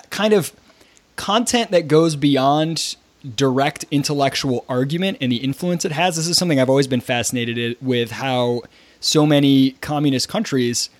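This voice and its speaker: Introducing a guest and then questioning him, a podcast host talks casually, often restarting and leaning on fillers. His pitch is fairly high, and the recording is dry.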